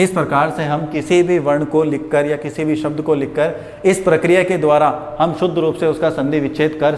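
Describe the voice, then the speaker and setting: A young man teaching a grammar lesson for exam preparation, patient and repetitive, asking questions and answering them himself. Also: on the high side. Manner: patient, repeats each rule slowly, asks questions and answers them himself. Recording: echoey room with long reverb.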